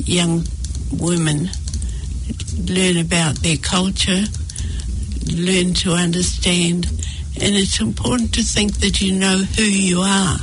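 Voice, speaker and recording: An older woman talking reflectively as a radio guest, hesitant and halting as she gathers her thoughts. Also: fairly low pitch, a little hiss or hum, poor audio. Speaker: guest speaker, social worker. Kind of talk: reflective radio interview talk. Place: radio studio.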